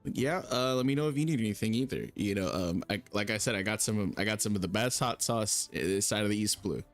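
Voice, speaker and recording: A man improvising and narrating casually in a tabletop role-playing game, in a rambling, halting, slangy way. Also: lowish voice. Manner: rambling, halting, slangy, calls people brother. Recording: music playing behind the voice. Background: music.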